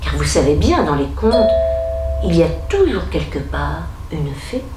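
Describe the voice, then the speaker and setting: A woman storyteller telling a fairy tale to children at a library event, slow and dramatic, speaking to the children directly. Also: sits low, big pitch swings, over loud music. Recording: echoey room with faint ambience.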